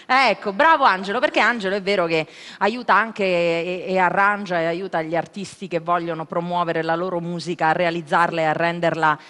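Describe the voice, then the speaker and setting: A woman's voice: fairly low pitch, steady tone, brisk, fairly bright tone, in a large hall. Effusive woman TV show host. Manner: effusive, laughs readily and breaks off her sentences. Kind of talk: casual studio chat and presenting. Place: television studio.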